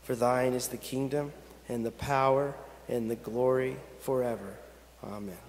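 A man in his thirties, a pastor, leading a pastoral prayer and reading scripture from the pulpit in slow, measured phrases with long pauses. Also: mid-range voice, fairly even intonation, darkish tone. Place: church sanctuary at a pulpit. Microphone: pulpit gooseneck microphone. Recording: long reverb of a church sanctuary.

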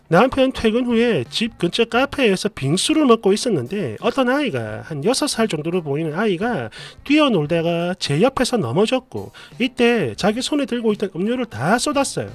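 A man narrating a reader's post as a story, in an expressive, exasperated retelling. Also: high voice. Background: faint background music.

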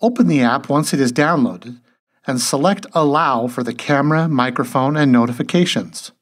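A tutorial narrator, a man with a medium-pitched voice, reads scripted instructional narration in a measured, step-by-step manner.

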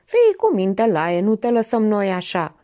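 A woman's voice: mid-range voice, wildly swooping pitch, mellow, muffled recording. A woman voicing a smug, self-assured middle-aged barber who lectures as if he alone reasons, in an audiobook. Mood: reassuring. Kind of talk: audiobook character reading.

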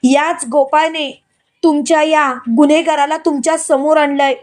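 Brief: scheming young woman, soft coaxing delivery, high voice, read by a woman narrator. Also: level tone, moderate pace, lightly acted. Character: scheming young woman, cajoling her father-in-law.

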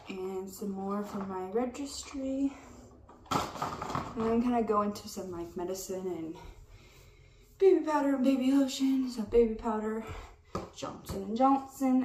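A young woman chats slowly through a haul of baby gifts, slightly out of breath from pregnancy. Her voice sits back from the mic in an echoey room. Steady background noise runs underneath. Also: medium pitch, distant mic. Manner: slow, unhurried show-and-tell of items. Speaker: vlogger. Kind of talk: casual haul vlog.

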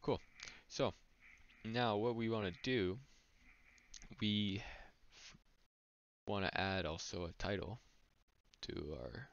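A man with a lowish voice explains code while he types, thinking aloud slowly with long pauses and small slips. He's a coding tutor in a screen-recorded walkthrough, captured on a dull, noisy lo-fi mic with keyboard typing and clicks behind him.

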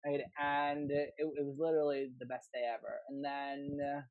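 A man's voice: on the high side, flat delivery, moderate pace, no echo, phone-quality sound. A young man from New York, a spinning instructor, telling his story eagerly and rambling on a home video call. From New York, USA. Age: young adult. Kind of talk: casual video call interview.

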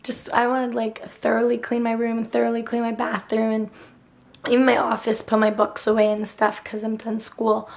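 Young woman vlogger, casual delivery, hoarse raspy whisper as if the voice is almost gone, slightly high register. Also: completely flat delivery, moderate pace. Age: young adult. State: hoarse, nearly lost voice, dry throat. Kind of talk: casual vlog chat. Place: bedroom, indoors. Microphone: handheld camera at arm's length.

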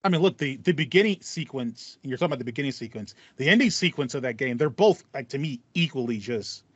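In a casual video-game chat, a podcast co-host in his thirties talks fast and expressively in a mid-range voice with a breathy edge. He rambles eagerly, repeating phrases, over a headset on a video call. The small home room has acoustic foam, so there's no echo, though the call audio is a bit muffled.

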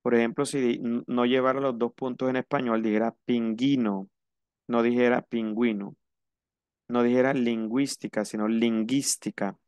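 A man teaching a French lesson, slow and careful, repeating each word for his students. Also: medium pitch, level tone, darkish tone, smooth, dry recording. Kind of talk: language lesson.

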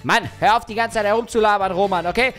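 A young man doing let's play commentary, teasing and excitable as he plays. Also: high voice, fast talker, faint music behind. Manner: excitable, teasing, shrieks and laughs at his game. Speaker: gaming YouTuber.

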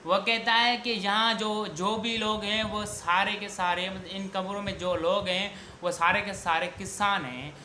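A man's voice: high voice, steady tone, a little slow, few pauses, bright, forceful tone. A young man explains a poem as a tutor. He speaks casually and hesitantly, with many fillers and restarts, into a lapel mic in a small room. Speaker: literature tutor. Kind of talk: casual spoken summary of a poem. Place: small indoor room against a wall. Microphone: clip-on lapel mic. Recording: echoey room with faint hum.

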